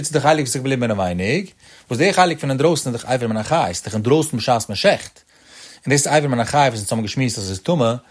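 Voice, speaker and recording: A man's voice: medium pitch, slightly rough. A male Talmud teacher walks through a passage in the lilting, chant-like cadence of traditional study. His voice sits in a middling register. Each phrase climbs and then drops away. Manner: sing-song study cadence, rising and dropping on each phrase.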